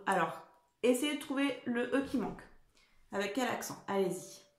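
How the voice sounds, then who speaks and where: Woman, primary school teacher, encouraging and patient, fairly high voice, echoey home room. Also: lively intonation, normal speed. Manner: patient, encouraging, checks in with frequent "d'accord?". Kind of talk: home-schooling spelling lesson for young children.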